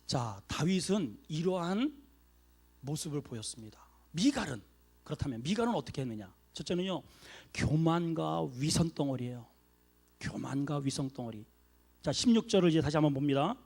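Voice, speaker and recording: Male pastor mid-sermon, high-pitched, very expressive delivery, shifts from soft asides to loud calls. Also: moderate pace, gravelly, breathy edge. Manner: animated preaching, swings between loud exhortation and soft asides.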